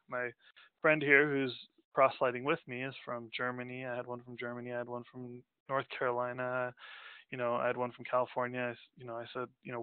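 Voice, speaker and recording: Rambling through an unscripted slide webinar with plenty of fillers and restarts, this Danish company president keeps things casual. He has a mid-range voice with a clean tone and no echo, captured in dry, tinny, phone-like audio.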